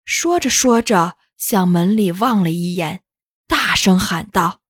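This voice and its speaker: A woman narrating a children's story in a gentle, unhurried, expressive reading. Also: lowish voice, husky, no echo.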